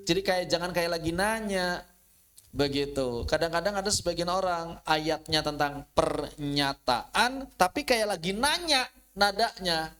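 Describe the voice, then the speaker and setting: Higher-voiced man teaching religion. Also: a bit bright. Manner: explanatory, rises and falls, briefly chants verses. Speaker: Islamic teacher. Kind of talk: religious lecture.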